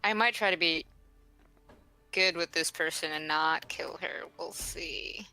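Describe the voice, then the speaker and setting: Bright-voiced woman playing a tabletop game. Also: fairly low pitch, measured pace, clean tone, faint music behind. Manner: casual, easygoing. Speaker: player.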